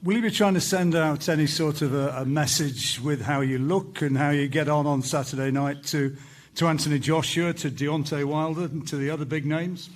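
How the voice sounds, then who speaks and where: A man's voice: on the high side, normal speed. A man putting questions to fighters at a press conference as an interviewer.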